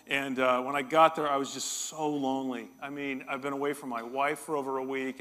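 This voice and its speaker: A middle-aged man preaching a sermon as pastor, telling a personal story in an animated, self-deprecating way. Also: fairly high pitch. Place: church.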